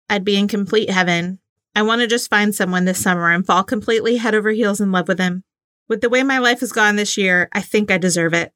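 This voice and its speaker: A woman in her forties with a very bright, mid-range voice sounds like a casual podcast co-host, informal and giggly as she moves between chatting and reading aloud. The recording is close and dry, with no echo.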